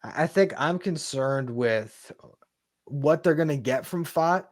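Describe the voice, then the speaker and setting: A man's voice: a little high, animated, slow, no room sound, studio quality. A man co-hosting a sports talk show, speaking conversationally with stammering repeats. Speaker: podcast co-host.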